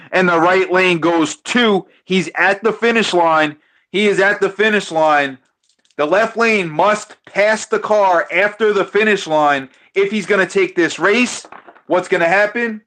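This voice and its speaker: High-voiced excited male race caller. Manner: excited, repeats his calls, stumbles over names. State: losing his voice. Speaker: race commentator. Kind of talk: live play-by-play commentary on a diecast car race.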